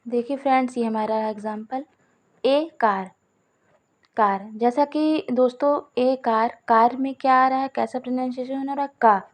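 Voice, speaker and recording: A woman gives a Hindi-language grammar lesson, laying out rules step by step, repeating examples and answering her own questions while calling viewers her friends. Her high voice keeps fairly even intonation at a moderate pace.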